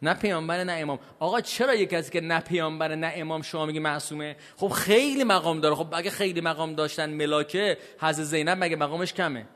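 A man with a fairly high voice gives a religious lecture from a large hall, and his words trail off in a long reverb. He keeps asking the audience questions and answering them himself. His pace swings between slow, weighty stresses and quick asides. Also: a bit bright. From Iran. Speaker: cleric giving a religious talk.

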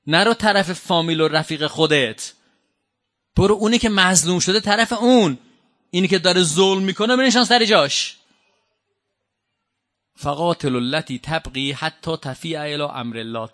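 A man from Iran delivering a sermon, walking through scripture in a conversational, questioning way. His voice sits high and sounds bright and forceful. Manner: conversational, addresses audience directly with questions. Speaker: preacher. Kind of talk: sermon with Quran exegesis.

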